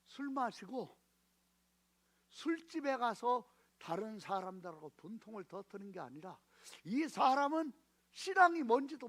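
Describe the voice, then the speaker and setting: A male pastor telling a story from the pulpit, with a high-pitched, bright, ringing voice. His pitch rises and falls widely as he moves from hushed asides to loud calls to the congregation. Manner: storytelling with animated swings from hushed to shouted; call-and-response with the congregation. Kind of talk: sermon. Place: church sanctuary.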